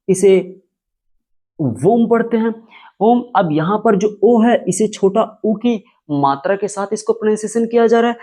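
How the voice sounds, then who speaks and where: A man teaching pronunciation with step-by-step classroom explanations. He repeats each example word slowly and with extra stress, using patient, repetitive teacherly phrasing. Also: high-pitched. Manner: stretches and stresses example words, repeating them slowly and louder.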